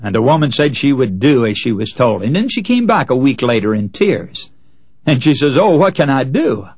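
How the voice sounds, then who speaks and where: Husky, animated male preacher. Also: medium pitch, normal speed, dry recording. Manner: earnest, folksy preaching, addressing listeners as friends. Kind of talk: radio sermon with illustrative stories.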